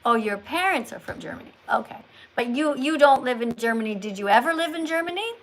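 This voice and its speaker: On a livestream where callers phone in to discuss veganism, a woman hosts with a fairly high, creaky voice, speaking quickly and with plenty of animation over poor audio. Her style is didactic and probing, built on brief emphatic points and follow-up questions that push callers.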